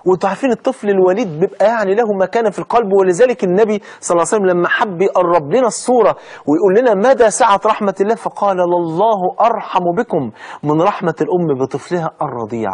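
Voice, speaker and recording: A man in his sixties with an Egyptian accent, preaching a dramatic story and dropping his voice low and soft at sad moments. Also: racing, slightly rough. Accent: Egyptian Arabic. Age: 60s. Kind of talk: storytelling sermon.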